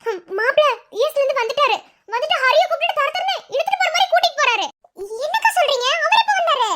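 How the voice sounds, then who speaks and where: A woman's voice: very high-pitched, animated, quick pace, fairly bright tone. A woman voicing an anxious young village wife with a Madurai Tamil accent in a cartoon, fretting and asking worried questions. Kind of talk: cartoon voice acting.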